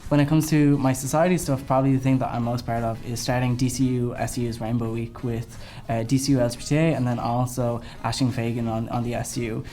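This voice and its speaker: With music running under his voice, a twenties-aged Dubliner earnestly answers questions for a student election campaign video, peppering them with ums. His medium-pitched voice is flat and dark in tone, fairly quick and with few pauses.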